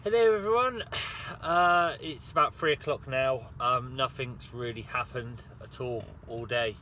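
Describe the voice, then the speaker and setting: A man's voice: mid-range voice, measured pace. A British man chatting casually to camera in a rambling, understated way, outdoors while fishing. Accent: British English. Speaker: angler filming a fishing vlog. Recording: noisy outdoor recording with steady ambience.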